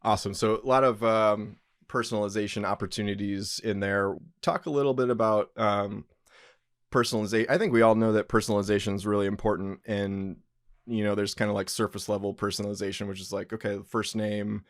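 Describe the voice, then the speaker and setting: A man's voice: lowish voice, fairly even intonation, brisk, no room sound. Upbeat male podcast host, dry sound. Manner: upbeat, filler-heavy, trailing off at phrase ends. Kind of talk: conversational podcast interview.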